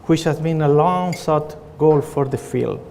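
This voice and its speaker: A middle-aged pathologist from Chile, who has a Chilean Spanish accent, presents earnestly in a reverberant conference hall, often using fillers and restarting sentences. His voice is on the high side, gravelly and a little mellow, his pace a little slow. There's slight background noise.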